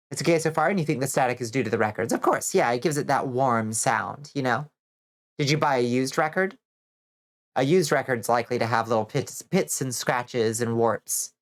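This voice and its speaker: A woman chats with her stream while gaming, her voice sitting extremely low in pitch. She sounds nasal and congested from a stuffy nose. She rambles loosely, reacts to chat and swears casually. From Georgia, US. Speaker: vtuber streamer.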